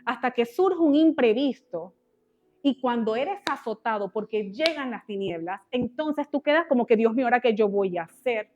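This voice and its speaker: A woman, teaching a women's ministry sermon through an animated personal story with exclamations and quoted prayers. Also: on the high side, normal speed, lo-fi sound, noisy background. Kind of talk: testimony-style sermon.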